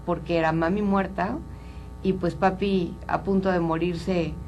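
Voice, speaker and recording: A woman's voice: lowish voice, fairly even intonation, measured pace, darkish tone, highs cut off, a little hiss or hum. A woman from Colombia, a psychologist speaking earnestly and openly as an interview guest. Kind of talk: candid interview talk.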